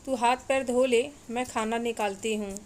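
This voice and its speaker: A woman voicing a lively young woman friend who talks in a chatty, teasing way. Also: fairly high pitch, moderate pace, a little hiss or hum, close to an everyday voice.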